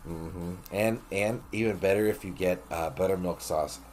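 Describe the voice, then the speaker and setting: A man's voice: sits low, normal speed, darkish tone, a little hiss or hum. A man hosting a late-night game stream, chatting loosely and joking with viewers, swearing freely. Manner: loose, profane and joking, talks to viewers as buddy. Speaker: livestream host. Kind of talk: casual late-night gaming stream chat.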